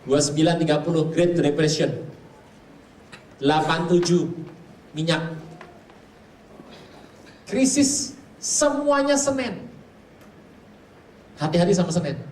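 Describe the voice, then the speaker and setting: A male pastor delivering a lively sermon, telling anecdotes and switching into the voices of the people he quotes. He sounds like he is well away from the mic, his voice ringing through a roomy church hall. A faint hiss sits under everything. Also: fairly high pitch, moderate pace, pauses often. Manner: animated storyteller who acts out quoted voices. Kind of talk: sermon with storytelling. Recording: echoey hall, mic far off, faint noise.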